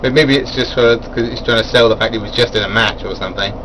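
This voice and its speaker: A wrestling reviewer gives a casual spoken rundown of an event, rambling loosely with many ums, restarts and small chuckles at his own side remarks. His ordinary mid-pitched voice stays steady and fast, over a faint air-conditioning hum.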